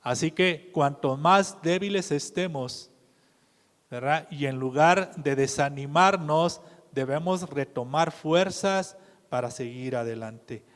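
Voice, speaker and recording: Male preacher, somewhat high voice, unhurried sermon delivery that asks the room questions, reverberant church hall. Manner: measured, asks the congregation questions.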